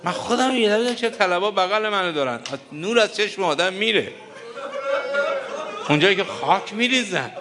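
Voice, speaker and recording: A man's voice: high-pitched, expressive, crowd noise. An older man preaching a grieving mourning sermon in an impassioned voice, at times breaking into a lamenting chant.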